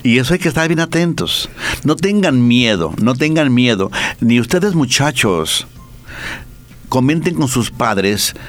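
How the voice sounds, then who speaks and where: A man's voice: medium pitch, animated, unhurried, soft background music. A male priest, a guest on a radio talk program, speaking in a reflective, lightly preachy way and often repeating his words.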